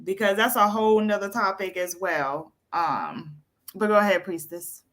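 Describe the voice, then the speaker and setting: Animated woman hosting a video call chat. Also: medium pitch, normal speed. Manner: animated storytelling, acts out quotes. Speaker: host. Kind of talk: casual chat.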